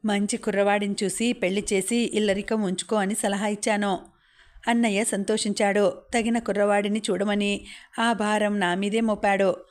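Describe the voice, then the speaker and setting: A woman's voice: mid-range voice, little pitch movement, moderate pace, lightly acted. A woman voicing an angry, aggrieved older village man who complains bitterly and indignantly. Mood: recounting.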